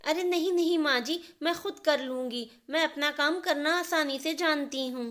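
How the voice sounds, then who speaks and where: A woman's voice: high-pitched, normal speed, a bit bright, voice pushed up. A woman voicing a polite, anxious young daughter-in-law.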